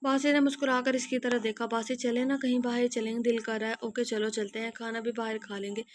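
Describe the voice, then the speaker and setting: A hoarse woman reading a romance novel aloud and voicing all its characters, often clearing her throat and restarting words. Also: little pitch movement, slight background noise. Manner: narrow pitch range, stumbles and restarts words. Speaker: audio novel narrator.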